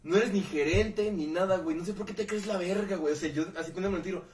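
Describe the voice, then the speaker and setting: A man's voice: high-pitched, quick pace, distant mic, slight background noise. A young man with a Mexican accent, telling a story among friends, swearing freely and acting out the lines of the people in it. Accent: Mexican Spanish. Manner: animated, swearing freely, acts out dialogue. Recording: roomy sound, somewhat off-mic.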